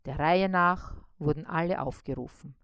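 A woman narrating a children's story in a calm, even scripted reading. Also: sits low, moderate pace, smooth, dry recording, lo-fi sound.

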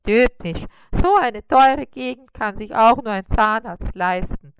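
A woman's voice: a little high, unhurried, clear, resonant tone, no echo, pitched above the performer's own voice. A woman doing a wailing, whiny cartoonish spider. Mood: relieved. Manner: moaning and wailing in pain. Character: whiny male cross spider, timid and self-pitying.

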